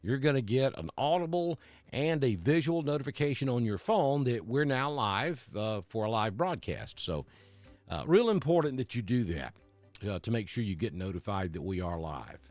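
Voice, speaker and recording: A man's voice: mid-range voice, expressive, moderate pace, a little mellow, no room sound, soft background music. A middle-aged man from Alabama, chatting casually on a live weather stream and greeting viewers by name. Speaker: weather broadcaster.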